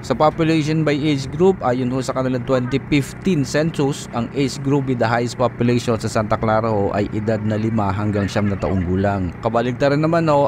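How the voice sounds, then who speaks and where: A man from the Philippines, a vlogger narrating a road trip in an even, polite voice over clearly audible street and vehicle noise. He reads out figures and facts in an informative, unhurried way. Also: mid-range voice.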